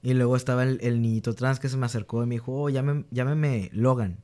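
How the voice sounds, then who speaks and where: A young man speaks in a relaxed interview, his voice sitting in an ordinary middle pitch. He tells candid stories of his students, acting out their lines as he goes, often restarting sentences as he gathers his thoughts. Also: a little fast, smooth. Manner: earnest, reenacts dialogue with students, frequent restarts. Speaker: guest, teacher.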